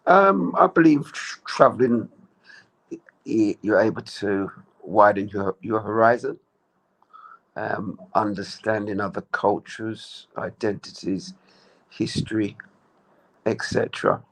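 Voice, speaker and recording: A man answers interview questions in a measured, plain way. His low voice has a gravelly, husky grain to it. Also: rough recording. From Jamaica. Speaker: interview guest, traveler.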